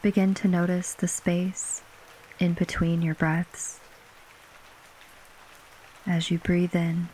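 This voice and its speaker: A woman narrating a bedtime sleep story as guided relaxation, gently and unhurriedly, with long pauses between short phrases. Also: fairly low pitch, slight background noise, rough recording. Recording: steady rain ambience behind voice. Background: rain falling.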